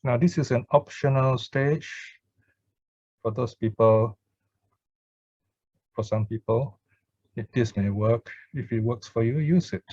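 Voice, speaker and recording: A Buddhist teacher leads puja with Pali chanting and gives guided meditation instruction. His husky mid-range voice is gentle and measured, pausing between short phrases. There's no room sound, but the audio has the dull, lo-fi quality of an online call.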